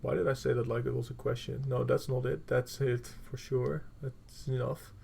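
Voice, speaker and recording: Blunt, gravelly male game coach. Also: mid-range voice, little pitch movement, fairly quick, warm tone, a little hiss or hum. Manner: blunt and profane, with frequent fillers. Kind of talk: gameplay review commentary.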